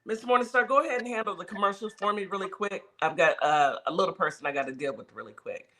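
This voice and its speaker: Emphatic talk show host, bright voice. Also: mid-range voice, fast. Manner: emphatic, repeats points for weight. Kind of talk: casual radio talk show chat.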